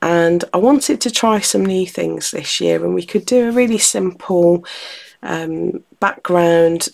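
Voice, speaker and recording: Brief: woman, low-ish voice, croaky and nasal from a cold, gravelly edges; friendly step-by-step craft tutor. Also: slow, a little mellow. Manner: chatty, friendly, explains step by step. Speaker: textile art tutor. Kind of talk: relaxed craft tutorial talk.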